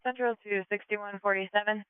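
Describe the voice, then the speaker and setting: Male police radio operator, high-pitched and fast, crisp clipped codes through a phone-thin scanner line. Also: steady tone, no room sound. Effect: police radio transmission. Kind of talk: radio traffic. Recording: tinny narrow-band scanner audio.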